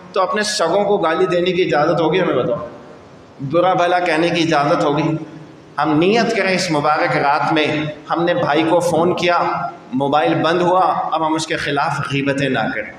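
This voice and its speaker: A man's voice: fairly high pitch, fairly even intonation, a bit bright. Man preaching in an echoey mosque. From Pakistan. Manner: exhorting congregation with rhetorical questions. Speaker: mufti preacher. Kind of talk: sermon. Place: large mosque hall. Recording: echoey mosque with long reverb, faint noise.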